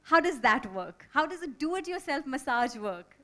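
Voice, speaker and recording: A woman with a high voice hosts a launch event on an indoor stage, bubbly and effusive with praise. She speaks into a handheld mic. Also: big pitch swings, normal speed, pushed and bright. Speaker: event host.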